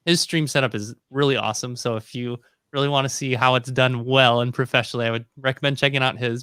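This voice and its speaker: A man's voice: mid-range voice, a bit bright, smooth, no room sound, clean studio sound. Man hosting over a video call. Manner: rambling, many ums and restarts. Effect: video call audio. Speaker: host. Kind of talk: casual live-stream chat.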